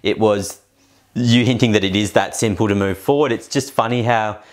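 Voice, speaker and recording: A man's voice: fairly low pitch, steady tone, normal speed. A man chatting on a podcast in a reflective, hesitant way, with many fillers. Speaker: podcast co-host. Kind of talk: casual podcast chat.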